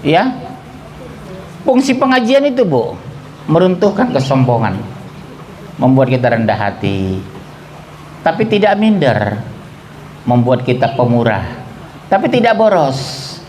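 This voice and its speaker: Lively joking male preacher. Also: a little slow, long pauses, slight background noise, low-quality recording. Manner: lively, joking, acts out quotes in soft or high voices. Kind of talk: sermon.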